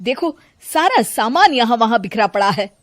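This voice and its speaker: A woman's voice: a little high, very animated, normal speed, dry recording, studio quality. A woman voicing an exasperated young husband in a cartoon, reproachful and fed up.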